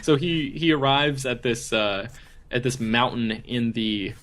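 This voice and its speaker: A man's voice: medium pitch, unhurried, fairly bright tone, a little hiss or hum. A man hosting a movie podcast, rambling casually with lots of fillers and restarts. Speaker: podcast host. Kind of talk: casual movie review chat.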